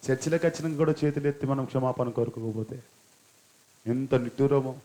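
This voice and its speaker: A male pastor preaching a sermon in church, leading the congregation in slow, drawn-out chanted prayers and scolding listeners who do not join in. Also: medium pitch, mellow. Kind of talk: sermon with call-and-response prayer.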